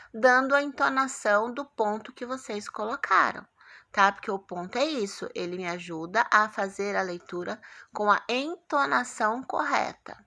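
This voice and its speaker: A woman's voice: medium pitch, gravelly, sharp tone. A woman with a Brazilian Portuguese accent teaching a primary school class in a recorded remote lesson, patient and coaxing, checking in often with her pupils.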